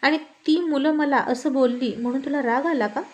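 Sulky sweet-talking young girlfriend, high-ish voice , woman narrator doing her. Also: normal speed, close to an everyday voice. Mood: affectionate.

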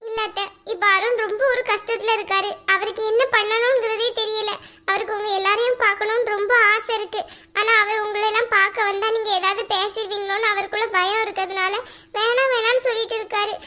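A pleading young wife in a cartoon family drama, voiced by a woman. The voice sits very high and bright, and the lines come out emotional and imploring. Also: little pitch movement, fairly quick. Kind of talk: animated family drama dialogue.

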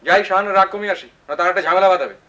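An actor playing a blunt, teasing older brother in a 1980s TV drama, lecturing in a mocking way. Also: male voice, high-pitched, very fast, pushed and bright, dull audio. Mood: scolding.

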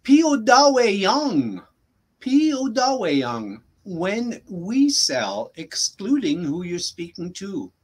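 A man teaching a language in a casual lesson, patiently repeating phrases slowly for his learner. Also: high voice, huge pitch swings.

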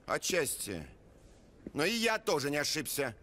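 A man's voice: a little high, sing-song, measured pace, bright, forceful tone, slight background noise, full character voice. An actor playing a showy, self-assured stage clairvoyant who addresses his audience like a circus ringmaster in a period TV drama. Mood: showy, insistent. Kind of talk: Russian period TV drama acting, stage patter.

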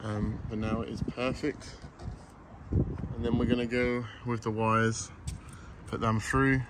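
Speaking slowly and flatly in a mid-range voice, a man vlogs from inside a van under conversion, phone held close for a selfie shot. He's tired and hot after a long day but stays chatty and upbeat, addressing viewers as "guys." The recording is very noisy.

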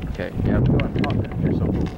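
A man's voice: fast, highs cut off. A young man presenting a casual, joking vlog outdoors into a handheld camera mic. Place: outdoors in an open farm field. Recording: very noisy outdoor camcorder audio.

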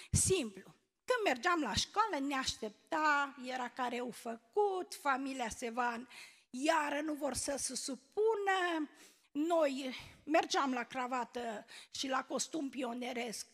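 A middle-aged woman, her voice pitched high, tells her testimony earnestly and haltingly, stopping often to search for words. Her voice rings out with the long reverb of a church hall. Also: creaky, a bit bright. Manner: earnest, hesitant with many pauses and fillers. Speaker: church member giving testimony.

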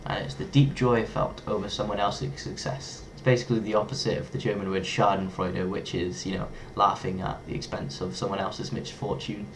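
Brisk, with hardly any pauses, a young man from England speaks in a lowish voice over background noise. He's doing a casual vlog to his webcam in a small bedroom, lively and playful, toying with foreign words in his English accent.

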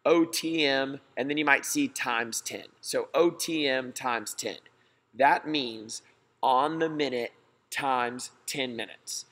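A man's voice: medium pitch, slow, fairly bright tone. A man, a gym coach, giving a slideshow lesson in a plain, reassuring way.

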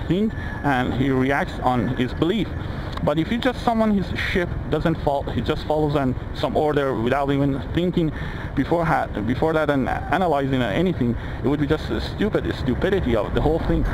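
An indignant man with an Iranian accent rambles through a vlog rant, full of fillers and restarts. His voice sits a touch high. Heavy traffic and engine noise roar under a helmet mic. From Iran. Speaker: motovlogger. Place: on a motorcycle on city streets at night. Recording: loud road and engine noise.

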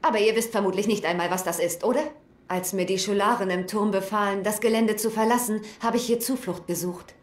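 A woman's voice: medium pitch, fairly even intonation, a little fast, natural voice. An actress voicing a worried, grave female gnome alchemist in a dubbed video game. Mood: proud. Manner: grave and fretful. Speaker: game character. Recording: echoey game audio.

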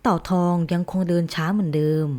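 A woman narrating bedtime stories in a slow, soothing way. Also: fairly low pitch, darkish tone. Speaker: storyteller.

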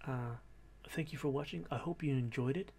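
A man in his thirties talking casually to camera in a quiet, low but clear voice, hesitantly thinking aloud as he goes. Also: moderate pace, a little hiss or hum. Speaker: host of a reaction and discussion video. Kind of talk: casual unscripted commentary to camera. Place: small bedroom in an apartment.

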